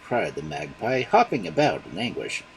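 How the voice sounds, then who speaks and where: Expressive male fairy-tale storyteller. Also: fairly low pitch, moderate pace, creaky, slight background noise, rough recording. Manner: expressive, dramatic read-aloud. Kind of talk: fairy-tale reading on a livestream.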